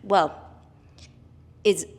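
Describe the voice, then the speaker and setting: A woman guest, a professional singer, talking casually in an upbeat, animated way. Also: drawn-out words. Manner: upbeat, animated, laughs often. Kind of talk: casual interview chat.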